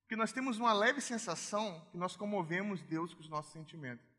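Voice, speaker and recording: Man preacher, lively storyteller, bright voice, slightly high, reverberant hall. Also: brisk. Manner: animated storytelling, acts out voices. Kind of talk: conversational sermon.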